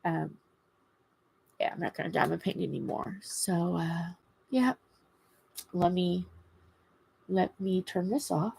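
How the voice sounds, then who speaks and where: A woman chatting casually and haltingly on a livestream, her words slightly impeded by a swollen lip. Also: lowish voice, vocal fry, a little mellow, slightly rough, poor audio. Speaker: craft livestream host. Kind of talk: casual rambling livestream chat.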